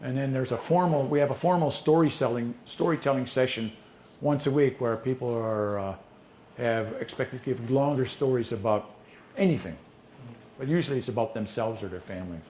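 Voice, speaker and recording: A man at a conference breakout session answers questions in a plain, matter-of-fact way. His voice is mid-pitched and sits in an echoey room with a faint hiss behind it. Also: brisk, darkish tone. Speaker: language teacher presenting a session. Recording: echoey room, mic from a distance, faint noise.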